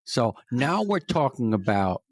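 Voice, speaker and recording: Very animated at a measured pace, this middle-aged New Yorker's mid-range voice carries his coaching style as a sales trainer guesting on a podcast. He speaks emphatically in a conversational interview, repeating key phrases, with no room sound.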